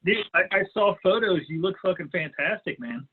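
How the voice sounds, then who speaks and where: A man's voice: high-pitched, lively intonation, moderate pace, slightly rough. A man co-hosting a podcast in casual chat, blunt and joking, swearing casually. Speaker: podcast co-host. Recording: tinny phone-like line.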